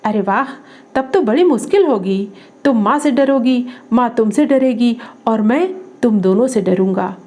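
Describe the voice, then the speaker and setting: A woman's voice: on the high side, animated, a little slow, a little mellow. Woman reading a mischievous teasing man. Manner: mischievous, joking. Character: middle-aged man, playful and teasing.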